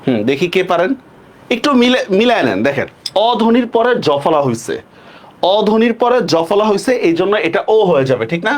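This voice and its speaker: A man's voice: sits high, big pitch swings, fairly quick. A man teaching a live online class, repeating questions and checking often that students follow.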